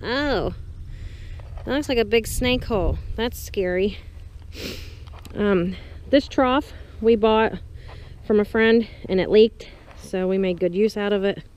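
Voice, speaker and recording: Her voice is medium in pitch with a somewhat dark tone as she gives a relaxed, talkative tour of her garden, breaking her speech into short phrases. The outdoor setting covers a small greenhouse and an open farm garden. Audio comes from a handheld or worn action camera's built-in microphone, with clear outdoor ambience audible.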